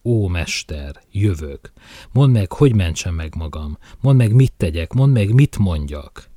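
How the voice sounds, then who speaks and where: A man doing a remorseful broken man, pleading cries, breathless, deep voice. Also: warm tone, dry recording, clean studio sound, natural voice. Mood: desperate. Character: wretched ruined man, desperate and remorseful.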